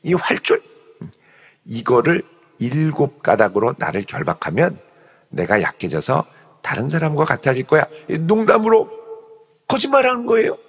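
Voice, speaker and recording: A male pastor with a somewhat high, slightly rough voice speaks at normal speed during an early-morning sermon. He is animated and playfully acts out the story as he explains it, with long hall reverb filling the church sanctuary.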